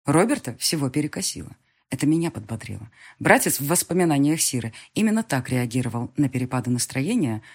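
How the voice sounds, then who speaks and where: A woman narrating a first-person fantasy audiobook in an expressive, sardonic way. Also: extremely low pitch, husky.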